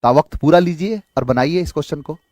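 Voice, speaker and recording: A male teacher with an Indian accent explaining exam English questions in Hindi, reading answer options aloud slowly and carefully. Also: a little high, darkish tone, no echo, studio quality. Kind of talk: exam prep lesson.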